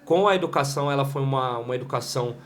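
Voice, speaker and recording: Male interview guest, São Paulo accent, relaxed storyteller full of fillers, mid pitch, roomy distant sound. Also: racing. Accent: São Paulo Portuguese. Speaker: guest, creative director and videomaker. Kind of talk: casual interview conversation. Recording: echoey room, distant mic, faint noise.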